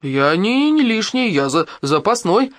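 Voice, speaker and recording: A man reading an audiobook and voicing a stammering, joking teenage boy who drawls slowly. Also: high voice, sing-song, fairly bright tone, no room sound, voice pushed up, full character voice. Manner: stutters, slow teasing drawl.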